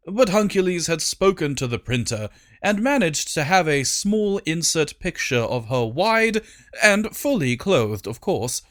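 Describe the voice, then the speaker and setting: A man reads a comic storybook aloud. His pitch moves a lot, and he takes his time. His playful storytelling keeps each scene animated. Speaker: audiobook narrator. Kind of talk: scripted storybook narration.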